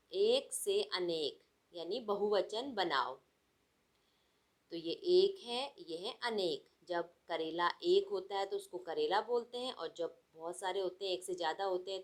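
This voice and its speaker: A woman's voice: fairly low pitch, a bit bright. A woman teaching a lesson to young children, who asks a question and then answers it and stresses each word as she reads lists aloud. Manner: stretches words out and stresses them while reading word lists. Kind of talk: slow, deliberate classroom lesson for young children.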